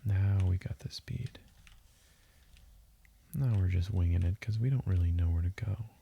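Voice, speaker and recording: A low-pitched male gaming host narrates in a hushed, measured, sleep-inducing way that slides toward a whisper, with vocal fry. The highs are cut off, and faint hiss plus keyboard and mouse clicking can be heard.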